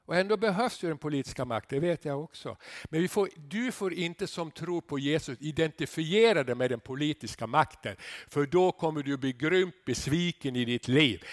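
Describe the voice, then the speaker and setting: A man preaching a sermon, dropping to low murmurs and rising to loud emphatic declarations, with conversational asides to his listeners. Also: dry recording, studio quality.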